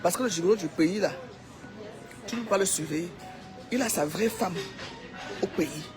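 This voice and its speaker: Over music, a social media commentator with a Cameroonian accent talks to her followers at normal speed in a lowish voice. Her monologue is informal and opinionated, urging them on and repeating phrases to drive points home.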